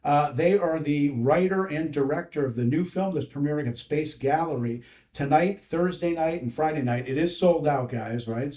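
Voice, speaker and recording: A man's voice: fairly high pitch, warm tone. A man hosting a casual interview show, upbeat and chatty with frequent fillers. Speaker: host.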